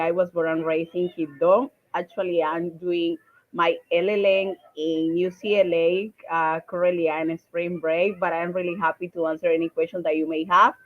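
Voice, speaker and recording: A woman from Colombia, a law student, introducing herself in a friendly way on a video call, with a few fillers. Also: lowish voice. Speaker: program fellow and law student. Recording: dull lo-fi call audio.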